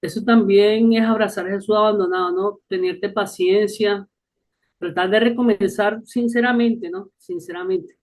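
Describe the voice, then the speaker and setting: A man's voice: sits high, moderate pace. Chatty man telling stories. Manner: lively anecdotes with frequent tag questions and laughter. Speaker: speaker at a faith group gathering. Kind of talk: casual storytelling talk.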